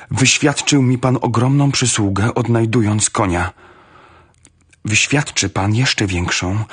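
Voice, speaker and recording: A man voicing an excitable older army colonel who owns racehorses, speaking in loud, agitated exclamations that rise high, with a husky voice.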